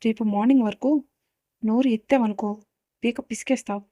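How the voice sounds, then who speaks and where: A woman reading out a sharp-tongued young wife who scolds her younger sister. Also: a little high, steady tone, moderate pace, dry recording, lo-fi sound, lightly acted. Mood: irritated.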